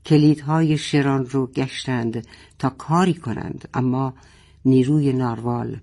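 A man narrating a children's adventure story in a dramatic, expressive way. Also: medium pitch, gravelly.

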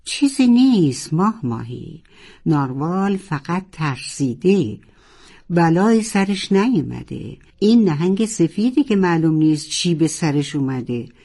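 A storyteller voicing a kind sunfish who softly comforts a frightened young narwhal. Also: mid-range voice, big pitch swings. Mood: soothing. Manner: soft, soothing, tender. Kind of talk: children's audiobook acting.

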